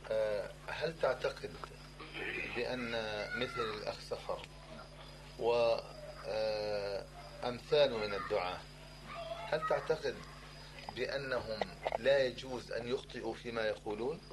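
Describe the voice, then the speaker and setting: A man's voice: medium pitch, normal speed, pauses often, heavy background noise. A man pressing questions in a heated religious discussion, insistent and argumentative, repeating himself to drive his point home.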